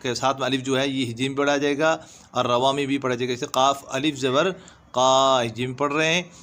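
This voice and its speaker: Guy teaching quran reading, spells it out letter by letter then stretches the sounds, middle pitch, calm. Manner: spells letters slowly, then draws out the syllables. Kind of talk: step-by-step recitation lesson. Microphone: voice-over over screen recording.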